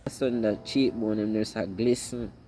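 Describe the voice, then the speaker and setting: A Jamaican man comments casually in a fairly low voice. Clear ambient noise sits behind his words. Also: fairly even intonation, normal speed. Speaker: friend doing a makeup voice-over.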